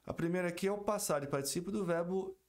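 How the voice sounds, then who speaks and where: A man teaching an English pronunciation lesson, drawing out and repeating example words. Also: sits high. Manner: slow, drawn-out example words, repeated several times.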